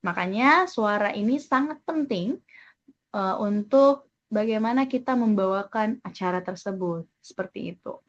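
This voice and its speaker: A woman's voice: medium pitch, moderate pace, highs cut off. A woman leading an online webinar, chatting casually and thanking participants by name as she teaches. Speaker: webinar trainer.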